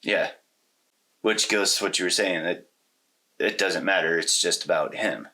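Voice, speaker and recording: Speaking in a deep, pushed and bright voice at a measured pace, this man co-hosts a podcast, discussing films casually in loose, slangy terms.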